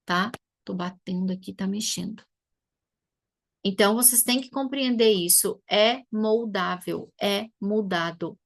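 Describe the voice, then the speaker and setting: Gravelly-voiced Brazilian woman teaching live. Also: mid-range voice. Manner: storytelling, addresses audience directly. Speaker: psychoanalyst. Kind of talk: live online talk. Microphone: webcam.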